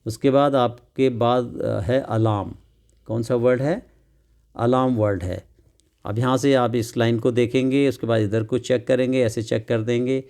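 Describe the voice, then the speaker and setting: A man teaches English from a children's workbook, his voice gravelly at a middle pitch. He explains slowly and repeats each word. He poses questions to his students and then answers them himself. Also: fairly even intonation, darkish tone. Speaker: English tutor. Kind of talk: classroom lesson explaining a workbook.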